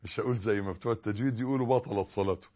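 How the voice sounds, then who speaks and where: A man with an Egyptian Arabic accent teaching how to recite and pray, demonstrating verses slowly and moving from emphatic to hushed. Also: lowish voice, muffled recording. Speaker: religious teacher. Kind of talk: sermon teaching prayer and recitation.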